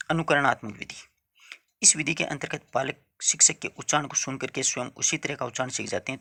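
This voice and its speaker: In this exam-prep lecture, the male teacher's voice is middle-pitched, bright and forward. He breaks every point into steps, goes over it again, and confirms his students understand.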